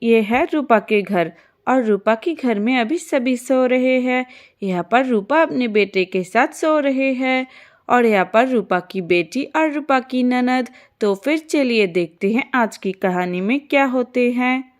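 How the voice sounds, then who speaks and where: A woman's voice: fairly high pitch, animated, measured pace. A woman narrating a children's cartoon story in a simple, matter-of-fact way.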